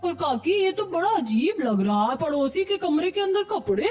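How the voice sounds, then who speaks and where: A woman voicing a flustered young housewife in a cartoon, shrill and defensive. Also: sing-song, moderate pace, darkish tone, far from the mic.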